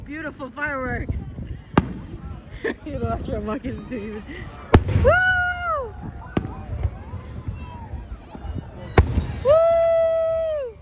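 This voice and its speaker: A woman vlogging outdoors at a riverside fireworks show on a handheld phone, exuberant and whooping often. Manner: exuberant, frequent high whoops and laughs. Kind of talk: excited casual vlog narration. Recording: loud fireworks bangs behind. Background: fireworks and city noise.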